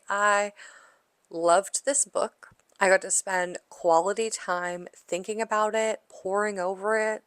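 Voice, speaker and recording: A woman's voice: mid-range voice, fairly bright tone, no room sound. Enthusiastic woman vlogger, casual review chat, mid voice, dead-dry room. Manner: gushing, enthusiastic. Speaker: book vlogger.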